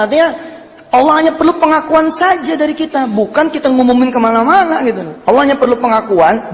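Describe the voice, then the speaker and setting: Animated preacher with hall reverb. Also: male voice, very high-pitched. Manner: animated, swings between loud emphatic and hushed storytelling. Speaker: Islamic preacher. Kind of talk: sermon with storytelling.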